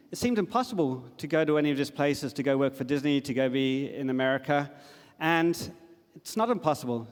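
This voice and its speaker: A middle-aged man giving a casual, enthusiastic conference talk, with plenty of fillers. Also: on the high side. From Australia. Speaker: conference speaker. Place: large conference hall. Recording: long hall reverb.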